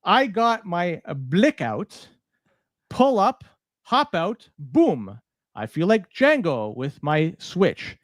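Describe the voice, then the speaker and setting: Male podcast co-host from Toronto, lively and high-pitched, exasperated, on a dry close mic. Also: slow pace, no room sound. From Toronto, Canada. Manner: animated, swearing, exasperated. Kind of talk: casual podcast banter.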